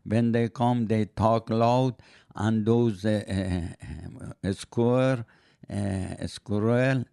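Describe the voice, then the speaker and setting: Gravelly older man in halting English. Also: lowish voice, steady tone, mellow, no echo, clean studio sound. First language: not English. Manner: halting, broken English with many fillers. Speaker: podcast guest, host's father. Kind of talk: casual chat.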